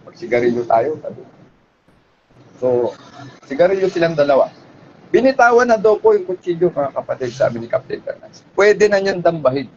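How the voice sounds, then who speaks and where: A man with a somewhat high voice tells a story in a polite, conversational manner, often turning to his listeners with quick tag questions. The recording is dull and lo-fi, with a faint hum of background noise. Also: sing-song, darkish tone. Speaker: speaker retelling a police hostage story.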